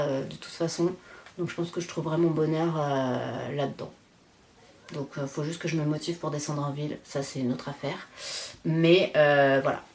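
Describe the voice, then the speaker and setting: Woman host, 30s, from France; low voice, easygoing rambling chat with fillers. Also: darkish tone, a little hiss or hum. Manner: chatty, rambling, frequent "euh" fillers, self-deprecating laughs. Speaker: knitting podcast host. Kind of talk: casual chat.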